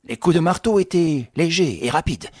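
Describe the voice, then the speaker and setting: A man's voice: on the high side, lively intonation, normal speed, a little mellow, no echo, clean studio sound. A man reading a novel aloud in a dramatic audiobook style, lifting his voice with the action. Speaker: narrator.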